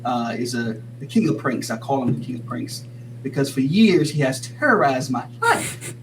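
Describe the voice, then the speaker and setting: A man hosting a casual talk show, excitable and rambling, laughing often and a little out of breath. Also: mid-range voice, normal speed, noisy background. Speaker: host. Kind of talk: casual chat.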